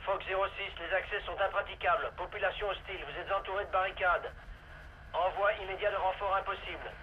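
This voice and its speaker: An actor playing a military radio base operator, heard over a field radio, speaking in clipped, firm radio procedure. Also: male voice, sits high, fairly even intonation, fast talker, dull audio, slight background noise. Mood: curt. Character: terse adult male radio base operator. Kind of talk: dubbed war film acting.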